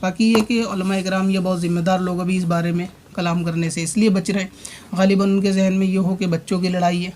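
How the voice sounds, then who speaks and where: High-pitched, flat-voiced man arguing a rebuttal. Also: slight background noise. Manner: argumentative, addresses his opponent directly; explains at length with repeated points. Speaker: religious online commentator. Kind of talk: spoken rebuttal monologue.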